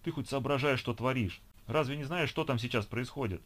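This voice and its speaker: A man's voice: mid-range voice, fairly quick, a bit bright, voice pushed up, lightly acted. Man doing an angry hissing crew member. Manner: angry harsh whisper.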